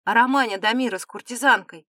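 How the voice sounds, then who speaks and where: A woman's voice: on the high side, quick pace, sharp tone, no room sound, clean studio sound. A woman voicing a stubborn, demanding young noblewoman in an audiobook, with firm, insistent delivery. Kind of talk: audiobook character reading.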